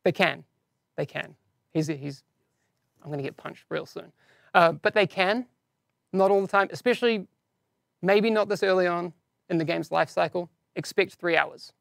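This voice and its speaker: Gravelly-voiced man hosting a live stream. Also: high-pitched, normal speed, pauses often, no room sound, clean studio sound. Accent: non-standard English accent, teased by viewers. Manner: chatty, self-deprecating asides to chat and co-host. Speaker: community host of a live game-news stream. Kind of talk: casual live-stream update.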